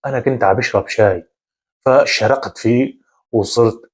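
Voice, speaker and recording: A man's voice: medium pitch, normal speed, husky, lightly acted. A man voicing an eager, broke young friend who talks breezily about a new job. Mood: upbeat.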